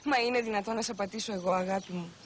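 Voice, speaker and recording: An actress playing a young secretary and wife, polite but exasperated, in an old comedy film. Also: female voice, mid-range voice, a little hiss or hum, natural voice. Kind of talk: 1980s film comedy acting.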